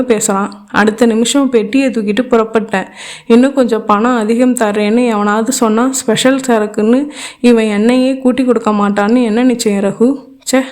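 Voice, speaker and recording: A woman's voice: fairly high pitch, darkish tone, lightly acted. A woman reading an audio novel, voicing a heartbroken young divorced woman who pleads in a tearful, impassioned way.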